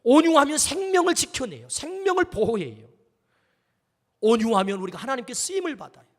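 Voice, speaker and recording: A man's voice: very high-pitched, sing-song, a little fast. Give me a man preaching an earnest sermon in a church sanctuary, with a long hall reverb. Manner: earnest storytelling preacher, acts out quotes. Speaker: pastor.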